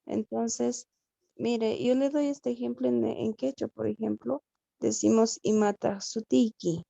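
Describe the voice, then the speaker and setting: A woman's voice: a little high, steady tone, a little slow, creaky, warm tone, dry recording, lo-fi sound. A woman from Peru, a student in a translation class, asking a question hesitantly and checking in often. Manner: hesitant, circles back with "¿no?".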